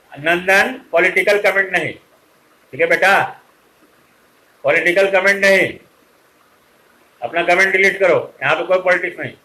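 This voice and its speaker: Man, online teacher, lecturing and scolding, somewhat high voice. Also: fairly bright tone, low-quality recording. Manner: scolding, lecturing students directly.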